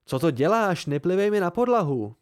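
An indignant young male student, put on by a man reading aloud speaks in a raised, excited voice. The sound is dry and close, like a home audiobook recording. His pitch sits in an ordinary middle range. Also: no room sound, natural voice. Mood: flustered.

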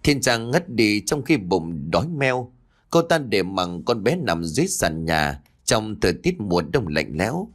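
A man tells a ghost story in a low voice. His intonation rises and falls widely as he narrates, and he switches to other voices for the quarrelling characters. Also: a little slow. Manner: lively, shifts voice for quarrelling characters. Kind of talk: storytelling narration with acted dialogue.

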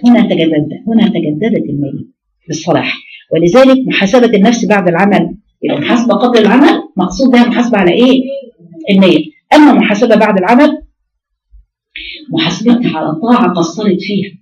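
A woman's voice: mid-range voice, a little mellow. A woman with an Egyptian accent giving a religious lesson to women, asking rhetorical questions and counting out her points. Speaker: religious teacher. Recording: roomy, distant, dull lo-fi recording.

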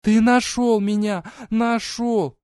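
A man's voice: a little high, measured pace, warm tone, no room sound, clean studio sound, voice pushed up. A man voicing an emotional young woman in an audiobook. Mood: overjoyed. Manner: emotional, tearful. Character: young woman, tearful and overjoyed.

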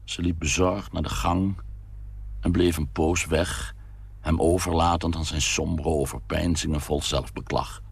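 A man narrating a story in an expressive, measured dramatic reading from an archive radio recording. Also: rumbling low, gravelly, breathy edge, no room sound.

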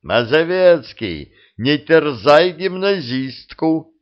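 A man reading the part of a brash, mocking male partisan sergeant who talks loudly and jeers. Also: medium pitch, very animated, slow, muffled recording, voice pushed up. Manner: jeering, loud.

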